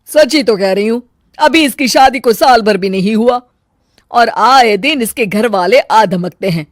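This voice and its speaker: A woman voicing a scheming, sharp-tongued middle-aged mother-in-law in a cartoon, sly and muttering asides. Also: fairly high pitch, unhurried, dry recording, clean studio sound. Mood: scornful. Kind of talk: cartoon dubbing.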